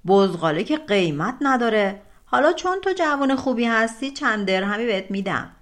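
A woman's voice: fairly high pitch, big pitch swings. A woman storyteller voicing a shrewd, brusque old merchant haggling in a village bazaar.

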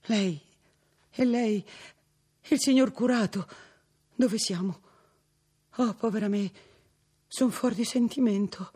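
A man's voice: high voice, moderate pace, long pauses, warm tone, husky, voice pushed up. A man reading an audiobook, voicing a frightened young peasant woman who pleads anxiously. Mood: bewildered.

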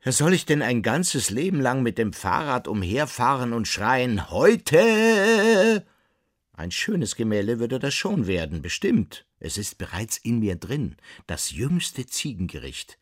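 Loud, grandiose and excitable, this eccentric butcher-painter rises high and swoops through lively pitch, as a man reads him aloud. The voice keeps a husky grain and sounds close and dry. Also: measured pace, hardly any pauses, no echo. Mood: exalted.

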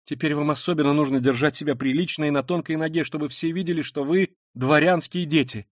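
Male reader playing a haughty consumptive noblewoman on the edge of hysteria; pitched well up, shrill, in a dry audiobook read. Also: steady tone, fairly quick, no room sound, close to an everyday voice. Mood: scolding. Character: feverish consumptive impoverished noblewoman, proud and hysterical.

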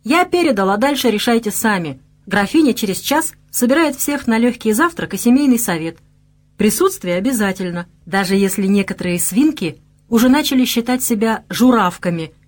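A woman's voice: on the high side, expressive, fairly quick. A woman voicing a teasing young nobleman in an audiobook, speaking in a mocking, joking way.

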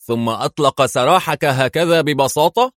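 A man voicing a bald, scheming crime boss who speaks slowly and mockingly. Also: lowish voice, dry recording, studio quality, lightly acted. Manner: slow, deliberate, mocking.

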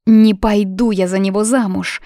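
A woman's voice: medium pitch, fairly even intonation, moderate pace, dark tone, no room sound, studio quality, pitched above the performer's own voice, close to an everyday voice. A woman voicing a stubborn, shy young witch who talks in a flustered, defiant way.

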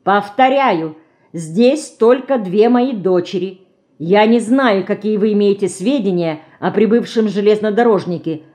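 A woman's voice: mid-range voice, measured pace, darkish tone, close to an everyday voice. A woman reading the part of a proud mother in an audiobook, answering a detective in a dry, sarcastic way. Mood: cold, indignant. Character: cold, proud mother defending her home.

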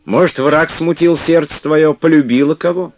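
A man's voice: fairly high pitch, steady tone, normal speed, slight background noise, voice pushed up, close to an everyday voice. A man reading the part of a stern but loving elderly abbess in solemn, archaic speech. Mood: pleading. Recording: dull, dry lo-fi recording.

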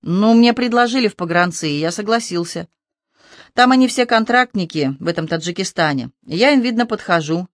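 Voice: mid-range voice, expressive, a little fast, no room sound, clean studio sound, close to an everyday voice. A reader voicing a cheeky young man who jokes with his worried mother in a teasing, breezy way.

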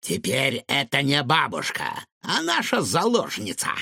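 A man's voice: medium pitch, huge pitch swings, measured pace, creaky, pushed and bright, breathy edge, no echo, clean studio sound, heavily acted. A man voicing a menacing male mad-scientist villain who gloats and barks threats in a storybook reading.

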